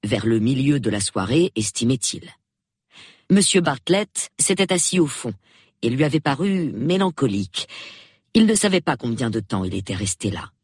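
A man narrating a detective novel in measured, expressive storytelling. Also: medium pitch, husky, dry recording, clean studio sound. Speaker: audiobook narrator.

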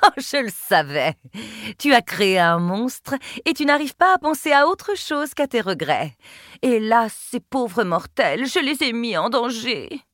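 A woman's voice: expressive, normal speed, dry recording, studio quality, lightly acted. A woman reading an audiobook, voicing a cruel, haughty queen who taunts and commands in a raised, mocking voice. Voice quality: sneering, shrill when angry. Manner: taunting, imperious. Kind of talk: audiobook character voice.

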